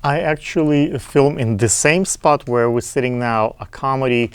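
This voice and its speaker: A man interviewing a guest, talking haltingly with many restarts in a casual chat. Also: medium pitch, smooth, no room sound.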